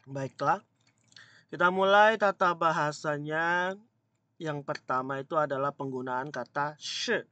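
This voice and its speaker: Speaking a bit high, with a pushed, bright sound and no echo, a man leads an online Mandarin grammar class. His throat itches as he chats with students and lingers slowly over each example sentence.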